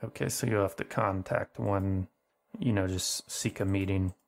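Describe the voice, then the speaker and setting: A man's voice: low-pitched, fairly even intonation, a little slow, gravelly. A man narrating as game master, rambling and full of fillers.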